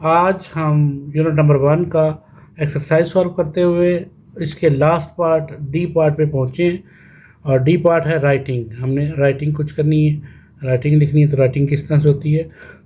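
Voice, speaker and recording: Slow, mellow Pakistani male teacher. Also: a little high, rough recording. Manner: slow, repeats words syllable by syllable and asks then answers himself. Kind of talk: classroom lesson explanation.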